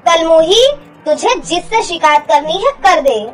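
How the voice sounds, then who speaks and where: A woman's voice: very high-pitched, animated, a little slow, soft background music, rough recording. A woman playing a harsh, cruel stepmother in a cartoon story, scolding with contempt.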